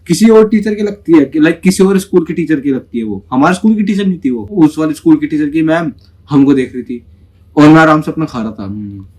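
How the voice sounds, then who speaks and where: A young man telling a school story in a casual, chatty way, full of fillers and quick acted-out quotes. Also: fairly high pitch, a little mellow. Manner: chatty, many fillers, acts out quoted voices.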